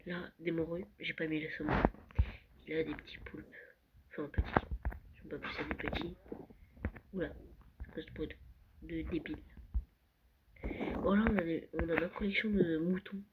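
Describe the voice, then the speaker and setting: Young gaming vlogger, soft near-whispered voice, close mic, loud noisy recording. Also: medium pitch, fairly even intonation, moderate pace, long pauses, muffled recording. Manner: often whispers and speaks softly. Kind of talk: casual Minecraft world tour. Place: home, late at night. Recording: loud background noise.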